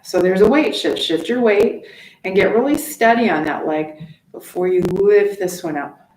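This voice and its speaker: A woman teaching tai chi, giving serene, unhurried step-by-step movement cues with pauses between them. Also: mid-range voice, darkish tone. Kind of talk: step-by-step movement instruction with short spoken cues. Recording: roomy echo, distant microphone.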